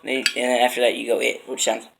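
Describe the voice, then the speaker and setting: A man giving an informal how-to demonstration as an instructor, explaining in a halting, unpolished way. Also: medium pitch, flat delivery, creaky, very noisy. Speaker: instructor demonstrating duck and goose calls.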